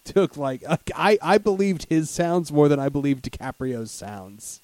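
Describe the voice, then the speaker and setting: A man co-hosting a casual movie review podcast, animated and crude-humored, often searching for words. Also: on the high side, measured pace, no room sound. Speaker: podcast co-host.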